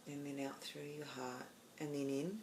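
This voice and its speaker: Low-voiced Australian woman, meditation host, slow soothing guidance, roomy sound. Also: flat delivery, darkish tone, slight background noise. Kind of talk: guided meditation. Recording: roomy with faint background ambience.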